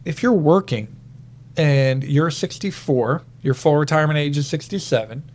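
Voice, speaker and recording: A man co-hosting a retirement planning show, explaining rules step by step with worked examples in a steady, methodical way. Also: mid-range voice. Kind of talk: explanatory podcast talk.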